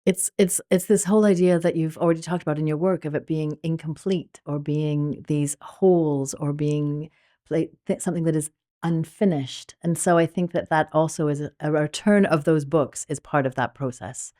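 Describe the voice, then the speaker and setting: A woman's voice: low voice, fairly even intonation, moderate pace, warm tone. A woman hosting an interview, musing aloud and restarting her sentences as she thinks. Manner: musing, restarts mid-thought. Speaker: podcast host. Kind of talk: conversational interview.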